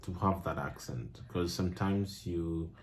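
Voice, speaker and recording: A man's voice: low voice, a little slow, a little hiss or hum. A man chatting casually with his friend, laughing and teasing as he talks. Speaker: friend of the host. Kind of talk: casual chat.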